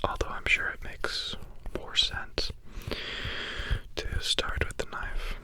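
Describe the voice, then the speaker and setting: A person giving hushed ASMR commentary while carving soap, whispering in an unhurried murmur and softly repeating words.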